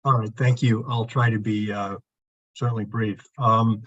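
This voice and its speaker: A man's voice: on the low side, little pitch movement, moderate pace, fairly bright tone, breathy edge. Muffled remote voice of a man. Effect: muffled, as if heard through a wall. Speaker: public testifier at a council meeting. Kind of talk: formal remote testimony. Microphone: remote call line. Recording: dull muffled lo-fi remote audio.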